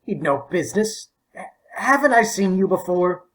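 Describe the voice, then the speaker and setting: A man's voice: sits high, very animated, moderate pace, a bit bright, voice pushed up, poor audio. A man voicing a stubborn, fussy old man in an audiobook, peevish and sputtering. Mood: testy. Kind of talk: audiobook character voice.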